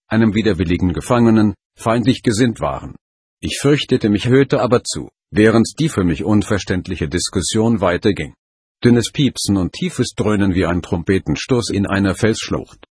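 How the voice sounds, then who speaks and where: Tiefe, heisere Männerstimme erzählt ein Hörbuch. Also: male voice, fairly low pitch, darkish tone, husky, no echo, studio quality. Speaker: audiobook narrator. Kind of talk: scripted narration.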